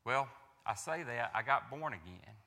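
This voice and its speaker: A man with a Southern drawl shares his faith story earnestly but haltingly, with a gravelly yet bright, pressing medium-pitched voice and lively intonation, heard through a long hall reverb. He repeats phrases, restarts often, and keeps circling back with rhetorical questions to his listeners.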